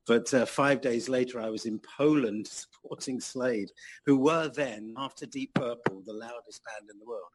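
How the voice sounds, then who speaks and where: A man in his sixties tells anecdotes as a podcast guest. His voice is husky. He tells them in an animated, self-mocking way. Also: medium pitch, moderate pace. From England. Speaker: guest musician. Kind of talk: anecdotal interview chat.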